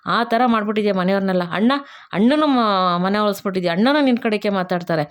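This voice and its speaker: A woman's voice: mid-range voice, quick pace, natural voice. A woman voicing a bitter, scheming older aunt who scolds and orders others to shut up, in a retold TV serial story. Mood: angry scolding. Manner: scolding, domineering.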